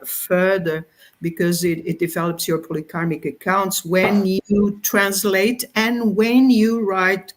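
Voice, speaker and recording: A middle-aged woman from Portugal, a guest explaining her views in a thoughtful, unhurried way with frequent pauses. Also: lowish voice. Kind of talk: explanatory conversation.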